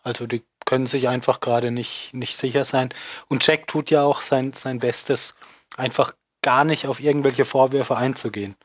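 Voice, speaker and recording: A man's voice: mid-range voice, fairly even intonation, normal speed, breathy edge, dry recording. A man co-hosting a podcast in casual, joking conversation. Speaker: podcast co-host.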